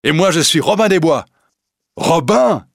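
A man's voice: mid-range voice, big pitch swings, normal speed, no room sound, studio quality, voice pushed up, natural voice. A man voicing a bold, cheerful young male outlaw leader in a storybook reading, speaking in a raised, eager way.

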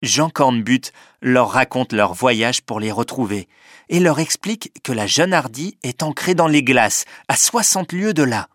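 A man reading a story aloud in measured scripted narration, with clear, lifted emphasis at exciting moments. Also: medium pitch, no echo, clean studio sound. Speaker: audiobook narrator.

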